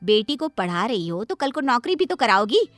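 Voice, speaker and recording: Nosy preachy auntie neighbor, cartoon, woman voicing her, high voice. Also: very animated, moderate pace, a bit bright, faint music behind. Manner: preachy, meddling. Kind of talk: Hindi cartoon voice acting.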